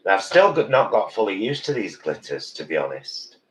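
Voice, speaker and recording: A man's voice: on the low side, sing-song, fairly quick, fairly bright tone. A British man in his early fifties, a campy drag queen chatting casually and thinking aloud during a live makeup session. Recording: roomy, distant, noisy background.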